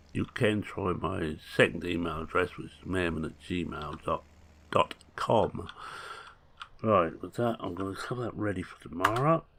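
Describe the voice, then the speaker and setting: A man's voice: low voice, creaky, a bit bright, slight background noise. A man, chatting casually through gameplay commentary with rambling, jokey asides. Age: 60s. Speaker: gaming channel host.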